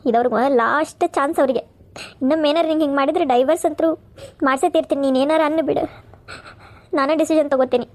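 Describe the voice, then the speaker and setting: A woman's voice: high-pitched, fairly even intonation, quick pace, long pauses, darkish tone. Motherly big sister voiced by a woman, firm and coaxing. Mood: caring. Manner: coaxing, then firm and scolding. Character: caring protective elder sister, firm and motherly.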